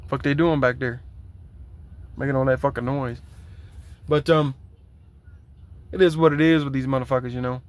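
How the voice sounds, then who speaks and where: A man's voice: medium pitch, steady tone, moderate pace, pauses often. A man who drives a truck, venting in a loose, rambling vlog rant full of swearing and aggravated complaints. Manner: heavily profane, aggravated complaining; loose, rambling with fillers and repeats.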